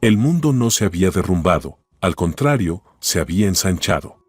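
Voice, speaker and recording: Deep husky male storyteller. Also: sing-song, moderate pace, no echo. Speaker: narrator. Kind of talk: scripted storytelling narration. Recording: dry close voice-over with faint music.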